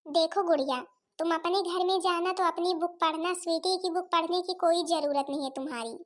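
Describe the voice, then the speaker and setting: A woman's voice: extremely high pitch, steady tone, a little fast. A woman voicing a scheming young aunt by marriage in a cartoon, scolding and sarcastic, with an Awadhi accent. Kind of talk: cartoon voice acting.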